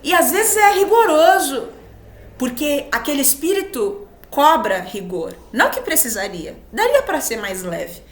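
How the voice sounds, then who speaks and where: A Brazilian woman speaks with a Brazilian Portuguese accent in a fairly high, very lively voice, swinging her pitch as she teaches. Her spiritual talk is emphatic and she voices little quoted exchanges along the way. The sound carries a clear roomy echo. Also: a little slow.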